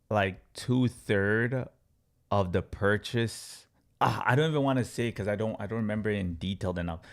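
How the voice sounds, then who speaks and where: A man from Congo, a crypto trading educator, answering viewers' chat questions on a live stream with emphatic repetition and step-by-step chart talk. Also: on the low side.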